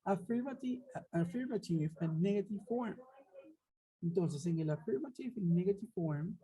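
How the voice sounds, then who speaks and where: A woman's voice: mid-range voice, lively intonation, measured pace, mellow, slightly rough, poor audio. A woman teaching an English grammar class over a web conference, explaining step by step and checking in with her students. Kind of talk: online class lecture. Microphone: web conference headset or laptop mic.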